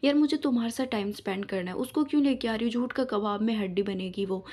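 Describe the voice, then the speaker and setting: A woman's voice: fairly high pitch, fast, a little mellow, lightly acted. A woman voicing a sweet-talking young woman who coaxes her girlfriend with pet names. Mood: coaxing. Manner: sweet, coaxing.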